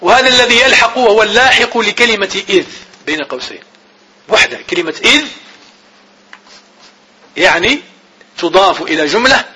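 A man teaching grammar in class, repeating definitions slowly as if dictating and asking his students questions he then answers himself. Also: high voice, bright, forceful tone, breathy edge, low-quality recording.

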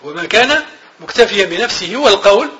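A man giving a classroom grammar lecture, repeating each definition slowly and checking that students follow. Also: high-pitched, animated, bright, forceful tone. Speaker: grammar teacher.

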